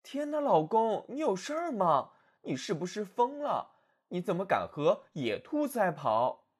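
A man voicing an anxious female hedgehog, the hero's wife, in a high, fretful voice for a storybook. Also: big pitch swings, measured pace, slightly rough, full character voice. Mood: alarmed. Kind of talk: storybook narration.

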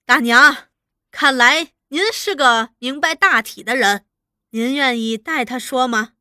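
A woman's voice: high-pitched, measured pace, clean tone, no room sound, clean studio sound. A woman voicing a cruel barking male interrogator. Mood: menacing. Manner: mocking, threatening, loud barked orders.

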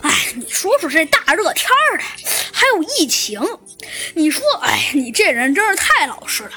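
A woman's voice: very high-pitched, big pitch swings, normal speed, pushed and bright, faint music behind, full character voice. A woman putting on a bragging, teasing teacher. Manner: teasing, bragging, stammering fillers. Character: boastful chatty male school teacher.

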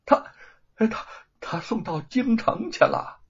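A man's voice: big pitch swings, unhurried, creaky, slightly rough, highs cut off, full character voice. A man voicing a scheming, mocking villainous woman in a told story, stammering when frightened. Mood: terrified. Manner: mocking, shrill denials, stammers when scared. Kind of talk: storybook character voice.

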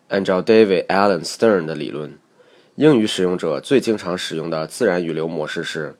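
A man with a very low voice narrates a scripted pronunciation lesson. He explains each point in a measured way and reads example sentences aloud. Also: darkish tone. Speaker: English pronunciation teacher.

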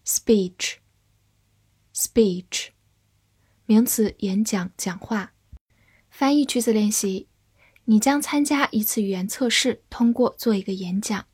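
A woman teaches English vocabulary in a measured, scripted way. She spells each word out and reads the example sentences slowly. Her voice is a little breathy and sits close on a dry mic. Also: mid-range voice, darkish tone, dry recording.

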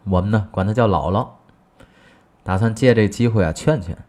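A man performing solo comic storytelling in a lively, chatty way. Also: fairly low pitch, normal speed.

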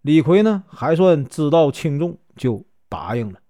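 A man's voice: a little high, big pitch swings, unhurried, warm tone, dry recording, studio quality. A man, telling a classic tale in a chatty folk storytelling style, stretching out his filler particles.

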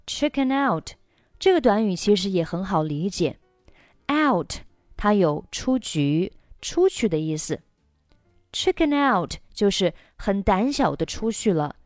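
A woman teaching English in a recorded lesson, explaining slowly and carefully and repeating key words. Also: mid-range voice, a little mellow, dry recording, studio quality.

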